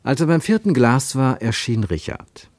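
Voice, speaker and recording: A man narrating a radio drama expressively, with an animated storyteller's delivery. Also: medium pitch, moderate pace, no echo.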